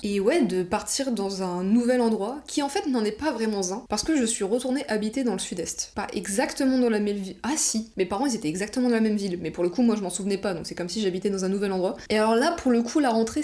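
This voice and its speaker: A woman's voice: mid-range voice, a little mellow. A young woman, chatting casually as a vlogger as she tells stories from her life, with lots of fillers. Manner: chatty, conversational, frequent fillers like genre and bah. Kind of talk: casual storytelling monologue.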